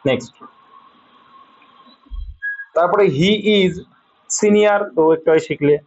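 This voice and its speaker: A man with a Bengali accent works through an English grammar lesson, explaining each correction patiently and often checking that his students follow. His voice sits a little high for a man. The recording is dull and lo-fi. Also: slow pace, a little mellow. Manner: patient, repeats points and checks understanding. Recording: dull lo-fi sound.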